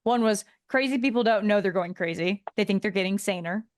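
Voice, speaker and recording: A woman's voice: medium pitch, fairly quick, no room sound, clean studio sound. A woman co-hosting a podcast in casual chat, laughing often as she talks. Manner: giggly, laughs often while talking. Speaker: podcast co-host.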